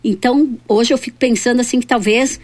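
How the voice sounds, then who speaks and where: A middle-aged woman from southern Brazil with a Rio Grande do Sul accent, a city councillor reminiscing in a relaxed interview and tagging her sentences with questions. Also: on the high side, fairly quick. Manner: reflective, tags sentences with "né?". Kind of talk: casual reminiscing conversation.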